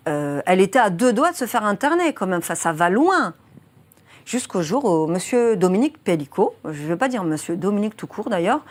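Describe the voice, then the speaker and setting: Being interviewed as a journalist, a woman in her twenties with a mid-range voice earnestly explains a criminal case. She picks her words carefully and leans on lots of fillers.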